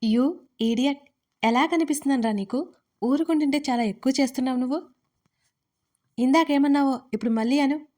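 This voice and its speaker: A woman doing a fiery young woman boss in a storybook audio drama, sharp and scolding, her voice fairly high. She snaps at the man who keeps teasing her. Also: steady tone, fairly quick, lightly acted. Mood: furious.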